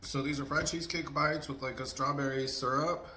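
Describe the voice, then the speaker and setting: A man's voice: mid-range voice, fairly even intonation, brisk, sharp tone. A man chatting casually to camera as a food vlogger, candidly venting in a rambling, storytime way. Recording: echoey room, faint background noise.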